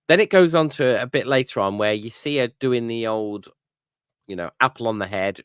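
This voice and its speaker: A man's voice: lowish voice, a bit bright, clear, resonant tone, no echo, clean studio sound. A man co-hosting a podcast, casually recapping an episode with lots of fillers and "you know what I mean" tag questions. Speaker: podcast co-host. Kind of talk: casual episode review chat.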